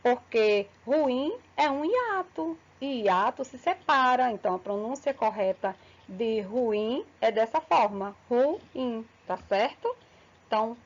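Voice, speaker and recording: A woman teacher walks through a grammar lesson step by step. She keeps checking in with short tag questions. Her voice sits fairly high, and the recording sounds dull and lo-fi. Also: lively intonation, a little slow. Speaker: Portuguese teacher.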